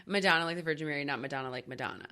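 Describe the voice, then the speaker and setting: A woman comedian trading quick, playful, deadpan replies in an improvised comedy scene. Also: low-pitched, clear, resonant tone. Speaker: comedian guest.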